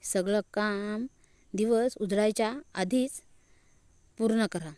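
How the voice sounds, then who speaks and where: A woman's voice: medium pitch, takes it slowly, a little mellow, smooth, dry recording, close to an everyday voice. Woman playing a seething old village uncle. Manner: commanding, seething. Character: angry older village uncle, man.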